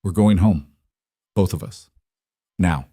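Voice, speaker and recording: Male narrator doing a young duchess, frantic and commanding, pitched up and urgent, dry sound. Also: slow pace, warm tone, husky, dry recording, full character voice. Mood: firm. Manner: urgent, raised and pleading.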